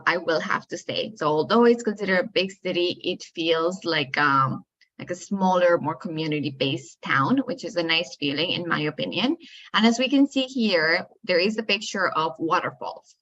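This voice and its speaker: A woman's voice: fairly low pitch, animated, normal speed, a bit bright, muffled recording. A woman from Colombia giving a friendly, explanatory university presentation over a video call. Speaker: university admissions representative. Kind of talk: presentation to prospective students.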